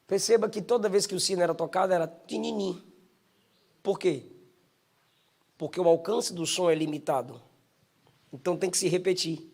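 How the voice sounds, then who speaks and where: A man from Bahia with a Bahian accent, preaching a live sermon at a church service. He builds up to shouting and sings out imitations of bell sounds. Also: high-pitched, normal speed, gravelly, long pauses, husky. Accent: Bahian Brazilian Portuguese. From Bahia, Brazil. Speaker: pastor.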